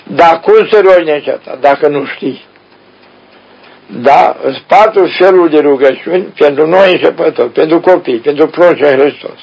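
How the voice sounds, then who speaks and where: A man's voice: on the high side, gravelly, a little mellow, breathy edge. A man preaching a spiritual sermon in a folksy way, speaking straight to his listeners and asking them questions. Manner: folksy, addresses listeners directly with rhetorical questions. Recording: dull lo-fi radio recording.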